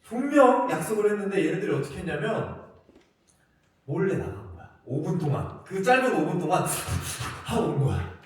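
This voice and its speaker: A young man preaching as a youth pastor, telling a personal story in an animated, confessional way with frequent laughter, recorded in a church sanctuary. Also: sits high, normal speed. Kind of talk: storytelling sermon. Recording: very echoey hall, voice far from mic.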